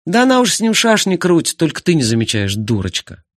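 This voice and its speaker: A man voicing a jealous, blustering husband who shouts indignantly in an audiobook. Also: on the high side, huge pitch swings, fairly quick, no room sound, clean studio sound, voice pushed up. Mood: ranting. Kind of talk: audiobook character voice.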